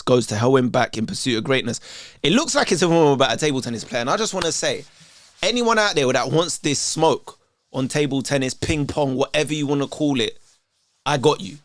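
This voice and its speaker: A man's voice: mid-range voice, lively intonation, fairly quick, no room sound, studio quality. A man, chatting casually while he reacts to videos, streetwise and loose. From England. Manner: chatty, streetwise, says "you know what I'm saying" often.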